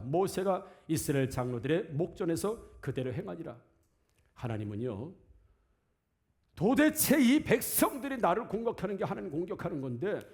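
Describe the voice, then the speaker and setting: A man's voice: fairly high pitch, a little mellow. A man preaching a sermon in a church, speaking conversationally and firing rhetorical questions at the congregation. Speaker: pastor. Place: church sanctuary.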